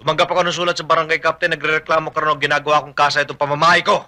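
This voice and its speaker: An actor playing an irritable, boastful neighbor who blusters and scolds. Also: male voice, fairly high pitch, little pitch movement, rapid-fire, pushed and bright. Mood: scolding.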